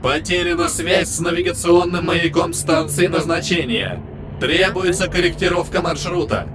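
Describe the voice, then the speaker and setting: Spaceship onboard computer , played by a man: impassive synthetic alerts, raised pitch, music behind. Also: normal speed, lightly acted. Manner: announcing alerts aboard a spaceship. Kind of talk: science fiction audiobook.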